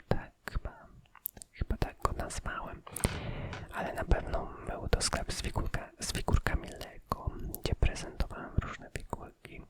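Guy doing asmr whisper, super slow n hesitant, just chatting channel updates. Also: extremely high pitch. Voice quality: soft unvoiced whisper.

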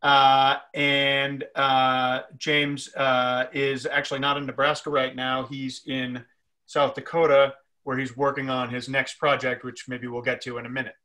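A middle-aged man hosting a live video-call interview, introducing guests with halting, hesitant phrasing. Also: medium pitch, little pitch movement, bright, forceful tone. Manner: halting, many fillers and restarts. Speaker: festival program director, host. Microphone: webcam on video call.

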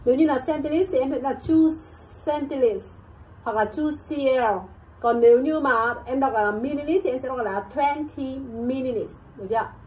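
Woman teacher, high voice, slow repeated questions, faint room ambience. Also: a little mellow, a little hiss or hum, low-quality recording. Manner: asks the class questions and repeats measurements slowly. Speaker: English and bartending teacher. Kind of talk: classroom lesson mixing Vietnamese and English.

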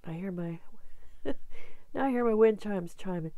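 A woman's voice: mid-range voice, expressive, measured pace, warm tone, no room sound, dull audio. A woman chatting casually at home in a vlog, rambling and talking straight to her viewers. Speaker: vlogger.

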